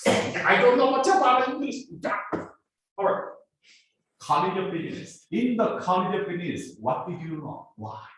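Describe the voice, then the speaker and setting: Very animated and fairly bright in tone, this high-voiced man talks at normal speed with a Korean accent. He's a South Korean business professor lecturing and firing rhetorical questions at his students, recorded from a distance in an echoey classroom.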